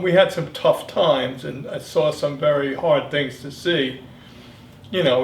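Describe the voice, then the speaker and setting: Older male veteran, 70s, gravelly voice, halting and reflective as he remembers his service, recorded off-mic in an echoey room. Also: medium pitch. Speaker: Vietnam veteran being interviewed. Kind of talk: reminiscing in an interview. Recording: echoey room, distant mic, faint noise.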